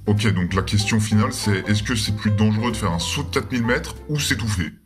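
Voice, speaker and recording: A man as a low, deadpan filter character. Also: fairly quick, music in the background. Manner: deadpan, sarcastic replies. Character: deep-voiced filter alter ego, dry and sarcastic. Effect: pitch-shifted down by a phone filter.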